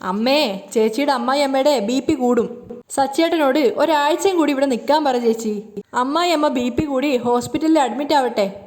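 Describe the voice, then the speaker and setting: A woman's voice: sits high, moderate pace, a little mellow, natural voice. A woman voicing a playful younger sister who jokes cheekily. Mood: cheeky. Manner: joking, cheeky.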